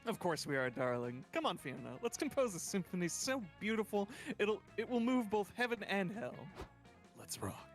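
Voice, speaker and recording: Man playing a sassy, vain socialite reaper, animated. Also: sits high, moderate pace, faint music behind, voice pushed up. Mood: grandly affected. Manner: theatrical, haughty, drawling.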